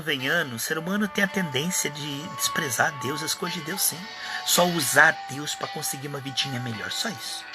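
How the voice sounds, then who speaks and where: A man with a Brazilian Portuguese accent preaching a live sermon as a pastor, mimicking whiny churchgoers in high voices.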